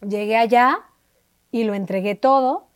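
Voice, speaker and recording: A woman's voice: a little high, a little slow, dry recording. A woman with a Mexican accent, a guest telling her story in an interview, acting out the dialogue as she retells it. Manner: animated retelling, acts out dialogue.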